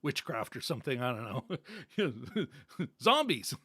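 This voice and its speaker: A man's voice: mid-range voice, sing-song, slow pace, sharp tone, husky, no echo. Rambling middle-aged man, dry close voice. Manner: rambling, many fillers and restarts. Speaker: podcast co-host. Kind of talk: casual livestream sign-off chat.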